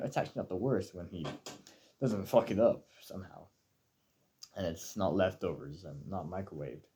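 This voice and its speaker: Guy ranting, sarcastic and over the top, kinda low dark voice, muffled lo-fi mic. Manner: sardonic, exaggerated complaining. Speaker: vlogger. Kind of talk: rambling solo rant.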